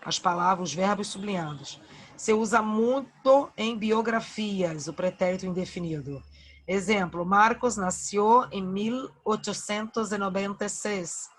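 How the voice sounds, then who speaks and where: A woman's voice: mid-range voice, measured pace. A woman teacher with a Brazilian Portuguese accent giving an online grammar lesson, patiently repeating verb forms and checking in with her students.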